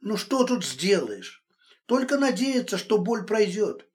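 A man's voice: high voice, sing-song, a little slow, pitched above the performer's own voice. A man voicing a stern, worried man who scolds and comforts a friend brusquely. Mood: exasperated. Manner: brusque, exasperated.

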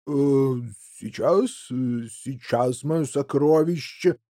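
A man's voice: mid-range voice, takes it slowly, dark tone, lightly acted. A man reading an audiobook and voicing a meek, indulgent father who hems and soothes his daughter. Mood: placating. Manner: hesitant, placating, hemming.

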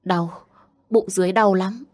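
A woman's voice: mid-range voice, steady tone, unhurried, a little mellow, voice pushed up, natural voice. A woman voicing a pregnant young wife who pleads and defends herself in an audio story. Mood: pleading.

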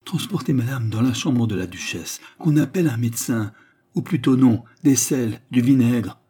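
A man's voice: mid-range voice, moderate pace, a little mellow, slightly rough, lightly acted. A man reading aloud and voicing an old, besotted duke who stammers and urges in a trembling manner. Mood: urgent. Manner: stammering, urgent.

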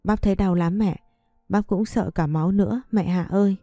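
A woman's voice: mid-range voice, moderate pace, dark tone, no echo, studio quality, faint music behind, close to an everyday voice. A tearful little boy, as a woman narrator voices him. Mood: pleading, childlike. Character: tearful three-year-old boy.

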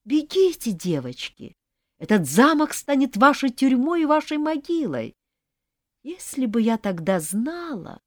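A woman voicing a chorus of pleading female ghost brides in an audiobook, urgent and shrill. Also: big pitch swings, unhurried, a little mellow, no echo, clean studio sound, full character voice. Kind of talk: audiobook reading.

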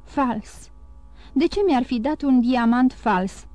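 Storybook role: a woman doing a greedy, excitable innkeeper, fervent and loud, in a mellow, fairly high voice, dry. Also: dry recording, close to an everyday voice. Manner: exclaiming, fervent.

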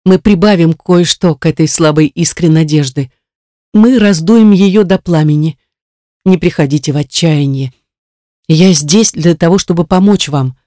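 A reader voicing a kind, generous woman who calmly reassures her grieving friend in an audiobook. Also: medium pitch, moderate pace, no echo, studio quality, lightly acted. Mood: reassuring. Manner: soothing, reassuring. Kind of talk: audiobook character reading.

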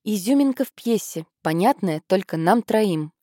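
A woman's voice: mid-range voice, lively intonation, mellow, dry recording, studio quality, natural voice. A woman voicing a bossy, decisive teenage girl who writes plays, in an audiobook. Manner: brisk, decisive. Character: teenage girl Harriet, bossy aspiring playwright.

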